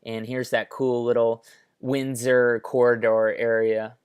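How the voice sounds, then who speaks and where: A man's voice: medium pitch, flat delivery, slow, clear, resonant tone. An American man giving an informal, conversational explainer with offhand asides, talking into a headphone microphone. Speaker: presenter. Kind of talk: casual explainer commentary over maps.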